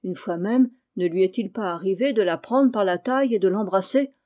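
A woman's voice: medium pitch, moderate pace, warm tone, natural voice. A woman reading the part of an anxious middle-aged landlady and mother, agitated and earnest, in an audiobook.

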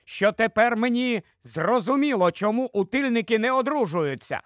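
Tired henpecked husband getting defensive, read by a guy with a high voice, dry sound. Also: sing-song, normal speed, dry recording.

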